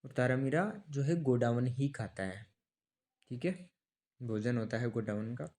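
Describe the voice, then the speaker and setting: A male teacher giving an online exam-prep class at a mid-range pitch. He talks casually and keeps asking students quick rhetorical questions. He repeats important names and dates so they stick. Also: flat delivery, darkish tone. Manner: chatty, asks students rhetorical questions, calls them brother.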